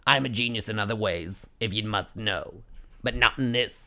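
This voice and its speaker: A man's voice: on the low side, moderate pace, creaky, pushed and bright, heavily acted. A man voicing a cranky older woman who answers listener questions, indignant and sarcastic. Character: cranky New York older woman advice columnist.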